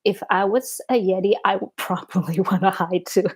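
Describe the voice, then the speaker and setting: Casting: woman, thirties, mid-pitched, easygoing livestream host, loose and filler-heavy. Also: steady tone, normal speed, husky. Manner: chatty, frequent "like" and "um" fillers, laughs between thoughts. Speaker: spiritual teacher answering viewer comments. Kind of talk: casual livestream chat.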